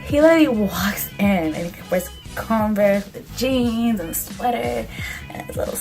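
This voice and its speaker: A woman's voice: medium pitch, normal speed, gravelly, a little mellow. Chatty gushing young woman vlogger. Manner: chatty, gushing, sassy storytelling with frequent "like". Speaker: beauty vlogger. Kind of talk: casual chat to camera. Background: background music.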